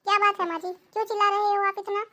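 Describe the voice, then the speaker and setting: A woman voicing a resentful elder daughter-in-law in a cartoon, sharp and scolding. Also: very high-pitched, flat delivery, rapid-fire. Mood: irritated.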